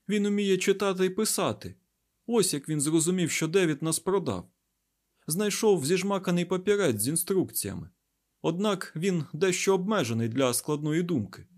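Guy reading as an agitated scientist, yelling high and fast, urgent. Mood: quiet. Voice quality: loud, raised, breathless urgency. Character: agitated burly male scientist, shouting and urgent. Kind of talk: audiobook character voice.

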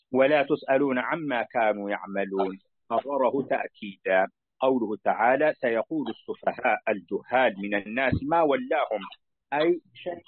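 A man reading a classical commentary aloud to his teacher, at a steady pace, going back over phrases to correct his slips. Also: medium pitch, breathy edge, no room sound. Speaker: student reading a book aloud to a sheikh. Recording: tinny phone-like dry recording.

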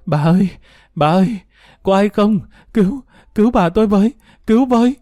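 A man's voice: high-pitched, moderate pace, mellow, no room sound, pitched above the performer's own voice, close to an everyday voice. A man voicing a bookish young boy in an audio story, screaming and sobbing in desperation. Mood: desperate.

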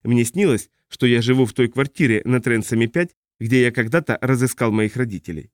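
A man narrating a science fiction audiobook in the first person, at a measured, calm pace. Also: medium pitch, no echo, clean studio sound.

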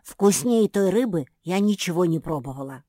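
A woman's voice: fairly low pitch, lively intonation, moderate pace, mellow, no room sound, studio quality. A woman voicing an earnest, literal-minded female dog who was once a stray.

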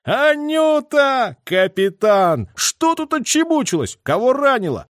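A rowdy army major hollers in a high, drawn-out voice, as a male reader puts him on. He sounds jovial and excitable. The recording is close and dry. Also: no echo, lightly acted. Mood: boisterous. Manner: boisterous, hollering.

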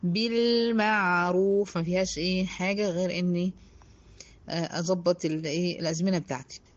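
A woman with an Egyptian accent teaching a tajweed lesson to a female student. She stretches the verses out slowly, then explains them briskly. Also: on the low side, little pitch movement, darkish tone, dull audio. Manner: slow, drawn-out recitation between brisk explanations; addresses a female student directly, instructive. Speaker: Quran teacher.

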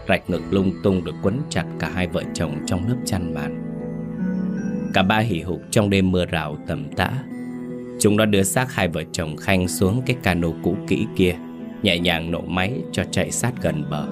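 Man, low deep voice, grim horror storytelling, faint music underneath. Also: moderate pace. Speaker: narrator. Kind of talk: dramatic horror story narration.

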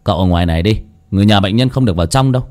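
A man voicing a calm female hospital doctor who delivers news in a matter-of-fact, professional manner. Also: fairly low pitch, very fast, close to an everyday voice.

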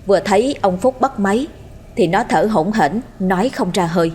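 A woman storyteller reading a scripted horror story in a steady, dramatic way. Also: mid-range voice, moderate pace, slight background noise. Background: faint music.

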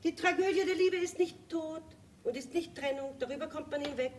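An older actress voices an affected, worldly society lady who laughs through her confessions. Her voice sits high. It comes from a distance on a stage recording with faint noise. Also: a little fast, natural voice. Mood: melancholy. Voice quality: theatrical, affected, laughing asides. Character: aging flirtatious society lady, theatrical, worldly. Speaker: Lady Kitty. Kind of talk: 1980s stage play recording.

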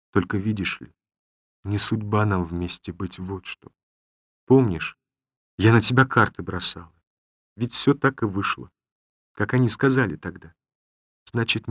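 A man reading the part of a tender young village woman, speaking softly and earnestly, resigned to her fate. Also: low-pitched, no room sound, clean studio sound. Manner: soft, quiet and earnest.

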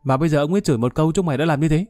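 A man's voice: a little high, racing, a little mellow, no echo, clean studio sound, natural voice. A man playing a cold, scornful gang member with a mocking way of talking.

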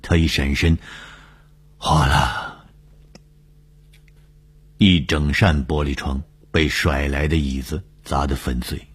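A male storyteller with a very deep voice and husky texture tells a broadcast story. His delivery is measured and dramatic. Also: fairly even intonation.

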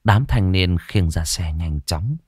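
A man's voice: low voice, expressive, slow, slightly rough, no room sound, studio quality. A man narrating a scripted ghost story with dramatic, heavily inflected delivery.

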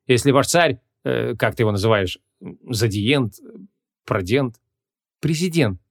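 Gruff ancient archmage, read by a man, imperious and quick-tempered, expressive, fantasy audiobook. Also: mid-range voice. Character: grumpy ancient male archmage, hot-tempered.

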